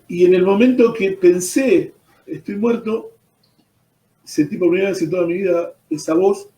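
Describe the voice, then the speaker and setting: An Argentine man, a pastor, recounts his personal testimony in a storytelling way, tagging "¿viste?" onto his sentences. His voice sits on the higher side but has a mellow, dark tone. He is heard from some distance off the mic in an echoey room. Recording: roomy echo, distant from the mic.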